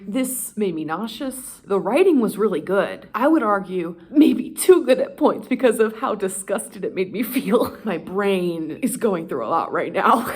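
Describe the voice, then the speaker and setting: A young woman talking casually about books in a reading vlog, chatty and expressive, laughing often, sounding tired. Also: medium pitch, slightly rough. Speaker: book vlogger.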